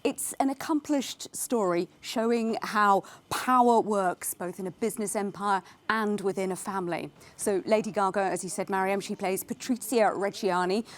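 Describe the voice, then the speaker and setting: A woman culture correspondent reviews films on a news show. Her pitch is mid-range, and she talks in a chatty, thoughtful way, with fillers as she thinks aloud. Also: normal speed, few pauses. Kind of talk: news discussion.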